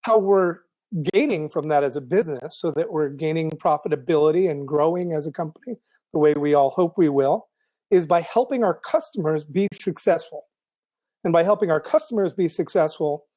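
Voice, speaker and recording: A man hosting a live video show, thinking aloud in a casual monologue with many ums and restarts, his voice going hoarse. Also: on the high side, a little mellow. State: losing his voice.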